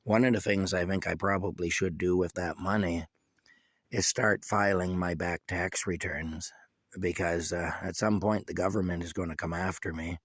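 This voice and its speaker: A sick man with a cough, giving a casual, rambling video update from inside his camper, halting and restarting often. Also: deep voice, fairly even intonation, husky, no echo. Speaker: vlogger giving a personal update.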